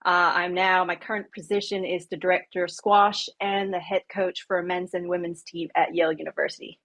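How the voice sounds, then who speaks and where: A woman in her late thirties from Malaysia, speaking on a coaching panel in a halting way with many pauses and easy laughs. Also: fairly low pitch, level tone, fairly bright tone. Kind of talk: panel discussion.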